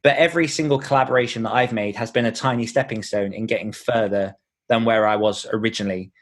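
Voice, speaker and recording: Speaking fast in a lowish voice with fairly even intonation, a man gives earnest answers in a conversational podcast interview. He is a podcast host and author himself, explaining and thinking aloud as he goes.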